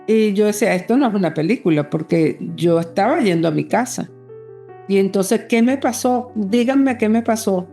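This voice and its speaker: A woman's voice: medium pitch, normal speed, warm tone, faint music behind. A woman guest telling a personal story in an interview, in an earnest and emotional way, often acting out remembered dialogue.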